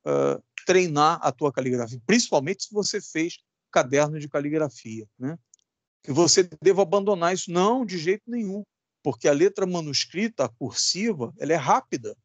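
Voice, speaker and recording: A man's voice: on the high side, dry recording. A man teaching an electronics class with a Brazilian Portuguese accent, emphatic and repetitive, asking his students rhetorical questions. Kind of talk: recorded classroom lesson.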